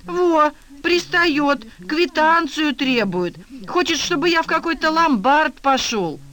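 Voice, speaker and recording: Puny henpecked husband, voiced by a man in an audiobook; squeaky, whiny, childish. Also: expressive, slow pace, bright, forceful tone, heavily acted.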